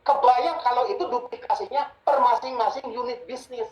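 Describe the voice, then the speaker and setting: A man's voice: very high-pitched, steady tone, normal speed, a little mellow. Emphatic male business mentor, echoey room. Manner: emphatic, repeats key phrases. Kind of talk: sales coaching talk.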